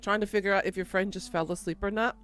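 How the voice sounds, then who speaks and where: A woman's voice: mid-range voice, steady tone, fast talker, fairly bright tone, soft background music. A woman streaming a game, chatting casually and self-deprecatingly with her viewers. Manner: laid-back, self-deprecating, talking with chat. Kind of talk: casual gameplay chat.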